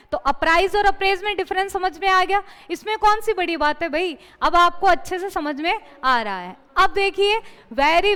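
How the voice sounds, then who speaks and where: A woman teaching an exam-prep English lesson, explaining in Hindi, reading English example sentences slowly and asking the class questions she then answers herself. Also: extremely high pitch, a bit bright, in a large hall.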